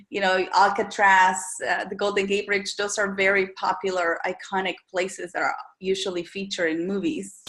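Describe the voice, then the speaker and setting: A woman's voice: medium pitch, a bit bright. A woman from El Salvador, an author and guest, answering interview questions casually and thoughtfully. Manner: thoughtful, with frequent fillers and restarts.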